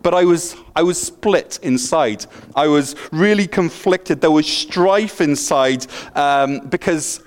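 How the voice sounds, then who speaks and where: His voice on the high side, slow and with hardly any pauses, a middle-aged pastor from Wales delivers a sermon in a Welsh accent. He jokes, pokes fun at himself, stutters slightly, and restarts often.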